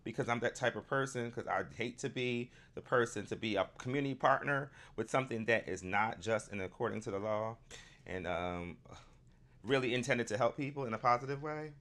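A man's voice: mid-range voice, brisk, a bit bright. A man giving casual commentary, thinking aloud in a rambling way as he goes. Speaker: vlogger checking a program.

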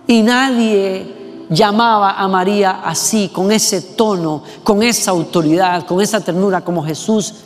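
A man preaching a sermon with passion, asking rhetorical questions and slowing down to stress words. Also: high voice. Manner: impassioned, rhetorical questions, slows for emphasis. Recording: long reverb with faint music.

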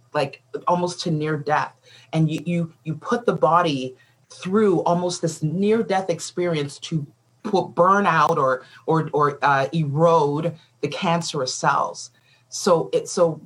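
A woman's voice: sits low, a bit bright, low-quality recording. A woman speaking passionately to an audience in a room. She talks in a conversational way and repeats phrases for emphasis. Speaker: speaker addressing a gathering on allyship. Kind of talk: passionate live talk to an audience.

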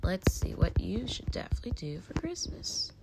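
A woman's voice: mid-range voice, big pitch swings, moderate pace, gravelly, rough recording. A woman hosting a casual podcast, reading articles aloud in a meandering, often half-whispered way and stopping to react. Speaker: podcast host.

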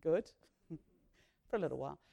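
A woman, leading an all-age sermon as a minister and retelling a story in a lively, slangy, conversational way. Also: low voice, normal speed, vocal fry, narrow, tinny audio. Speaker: minister leading a children's talk.

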